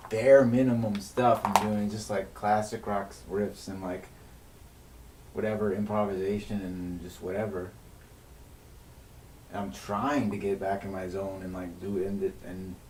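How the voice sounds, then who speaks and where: A man's voice: fairly low pitch, a little mellow. A man ranting angrily and swearing a lot on a livestream, often breaking off and restarting his sentences. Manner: agitated, swears heavily, rants with frequent restarts. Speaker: streamer. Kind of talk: unscripted venting monologue on a livestream. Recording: echoey room, mic at a distance, faint noise.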